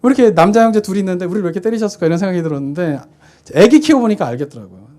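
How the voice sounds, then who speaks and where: A man's voice: sits high, lively intonation, very fast, dark tone. A man in his thirties preaching a sermon in a conversational way, often posing rhetorical questions and answering them himself. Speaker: pastor. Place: church sanctuary.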